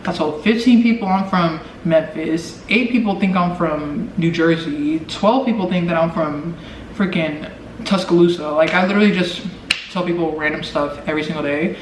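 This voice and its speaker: An American-accented vlogger, eighteen and from Omaha, Nebraska, talks to camera at a moderate pace in a fairly high voice. His chat is informal and meandering, packed with filler words, especially "like." The recording picks up echo and noise from a distant mic.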